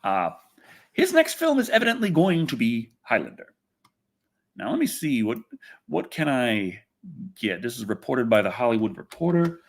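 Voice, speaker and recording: A podcast host chats casually on a livestream, his mid-range voice swinging wildly in pitch. He rambles and halts, speaks bluntly, and often repeats his phrases.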